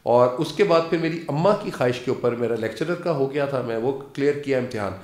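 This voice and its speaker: A man in his fifties, an actor and lecturer, telling stories as an interview guest and acting out quoted dialogue. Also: mid-range voice. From Pakistan. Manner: animated storyteller who acts out quoted dialogue. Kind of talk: casual interview storytelling. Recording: roomy studio echo.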